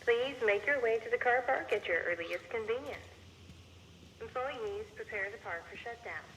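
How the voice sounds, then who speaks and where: A woman voicing a calm, formal amusement park announcer over an outdoor loudspeaker. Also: on the high side, normal speed. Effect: outdoor public-address loudspeaker. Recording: distant echoing loudspeaker with faint hiss.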